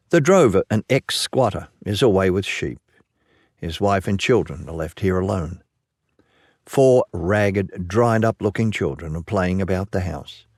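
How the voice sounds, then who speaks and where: A man with a fairly low voice reads a classic story aloud, leaning on vivid phrases and slowing down for effect. The sound is close and dry, with no room around it. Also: no room sound. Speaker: narrator. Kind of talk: dramatic story reading.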